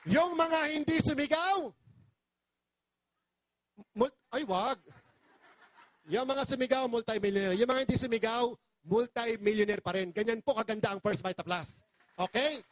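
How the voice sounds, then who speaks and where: A man's voice: very high-pitched, unhurried, long pauses, no room sound. A man from the Philippines giving an impassioned, pleading testimonial to an audience as a business presenter, very polite and emotional.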